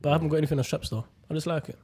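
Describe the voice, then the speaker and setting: A man's voice: a little high, steady tone, very fast, a little mellow, breathy edge. A young man with a London accent, chatting casually in slangy roadman talk. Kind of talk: casual chat.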